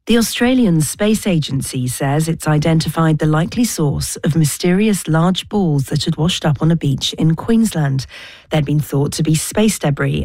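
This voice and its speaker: A woman's voice: low voice, a little mellow, no echo. A woman newsreader delivering a scripted world news bulletin.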